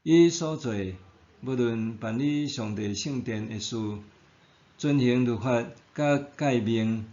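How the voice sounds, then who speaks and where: A man with a Taiwanese Hokkien accent reading a scripted devotional in a measured, formal way. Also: medium pitch, mellow, lo-fi sound. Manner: measured, formal read-aloud delivery. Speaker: devotional reader and narrator.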